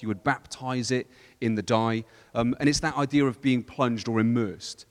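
A man from a church team explaining Bible passages in a relaxed discussion, often restarting phrases and quoting scripture. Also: mid-range voice, in a large hall. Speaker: church leader. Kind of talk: casual Bible study discussion.

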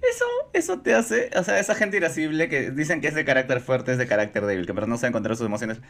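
A man co-hosting a casual podcast, chatty and reflective and quick to laugh. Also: mid-range voice, lively intonation, vocal fry, a bit bright. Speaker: podcast co-host.

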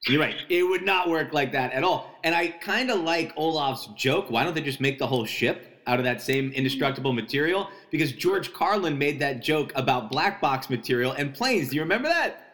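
A man's voice: a little high, expressive, fairly quick, few pauses, fairly bright tone. A man co-hosting a casual podcast chat about a film, wry, teasing and analytical. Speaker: podcast co-host.

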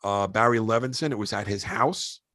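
A man who hosts a podcast, telling animated show-business anecdotes in a casual way. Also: on the low side, moderate pace, dry recording. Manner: animated anecdotes, acts out quoted voices. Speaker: podcast host and actor. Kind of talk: casual storytelling.

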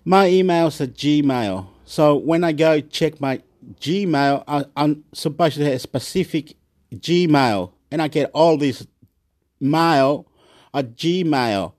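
A man's voice: a little high, animated, slow pace, darkish tone. A man from Chile, vlogging in a rambling, repetitive rant full of swearing. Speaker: YouTube vlogger.

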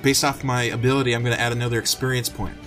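A man's voice: mid-range voice, little pitch movement, racing, music in the background. A man playing a tabletop role-playing game, chatting casually and informally as he says what his character does. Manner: informal, sweary.

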